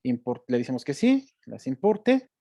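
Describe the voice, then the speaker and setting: A man's voice: mid-range voice, sing-song, normal speed, gravelly, mellow, dry recording. A man, teaching a step-by-step screen-share lesson and checking in with his students as he goes. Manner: explanatory, addressing students directly with check-in questions. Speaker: instructor. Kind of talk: screen-share tutorial lecture.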